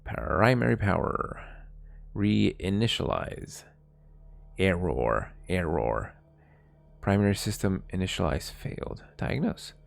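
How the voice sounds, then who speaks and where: A man's voice: low voice, lively intonation, takes it slowly, gravelly, faint music behind, exaggerated voice. A man voicing a glitching computer terminal, reading out errors in a stiff, stuttering machine-like way. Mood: malfunctioning.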